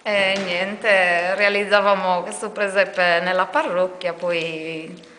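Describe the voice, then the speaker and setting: A woman's voice: lowish voice, steady tone, slow pace, bright, forceful tone. A woman volunteer answering interview questions casually and hesitantly, with many fillers, inside a large church. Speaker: nativity scene volunteer. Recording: echoey church hall, background noise.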